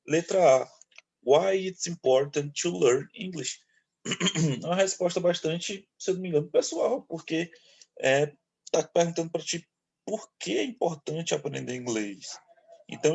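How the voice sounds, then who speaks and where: A man from Brazil teaching an English lesson to eighth graders, explaining slowly and often checking in with his students. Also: fairly high pitch, vocal fry, darkish tone, breathy edge. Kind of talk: online class lecture.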